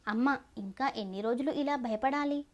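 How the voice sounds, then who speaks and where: A woman's voice: sits high, normal speed, dull audio, natural voice. A woman voicing a fierce, stubborn young woman in an audio story, speaking with determination. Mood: defiant. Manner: pleading, determined. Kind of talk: storybook narration.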